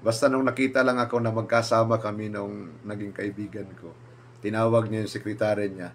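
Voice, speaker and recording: Man, pastor, personal testimony, animated storytelling, acts out quotes. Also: on the low side, fairly quick, a little hiss or hum.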